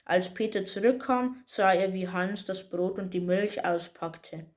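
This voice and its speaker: A woman reading a fairy tale aloud in a plain, steady way, with occasional small slips. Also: mid-range voice, unhurried. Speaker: storyteller.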